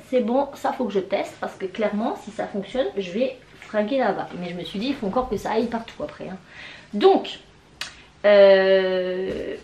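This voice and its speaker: A woman in her thirties chatting casually in a vlog, hoarse from tonsillitis with her voice mostly gone, hesitant and rambling. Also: medium pitch, a little mellow. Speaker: vlogger. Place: indoors, bedroom. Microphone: camera on a tripod. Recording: echoey room.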